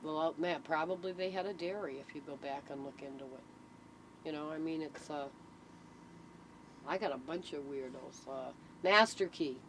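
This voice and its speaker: This interviewee, a local storyteller, has a deep voice with a fairly bright tone and a moderate pace. She tells stories in a casual, matter-of-fact way, checking the listener follows, on a noisy amateur recording with vehicles in the background.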